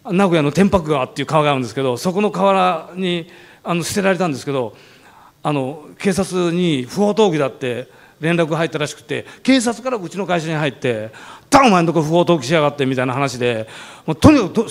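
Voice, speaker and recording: Male company founder, rapid, expressive storyteller with a bouncy high voice who slips into others' voices. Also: vocal fry. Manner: lively, laughs often, acts out quoted voices. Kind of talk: animated storytelling talk.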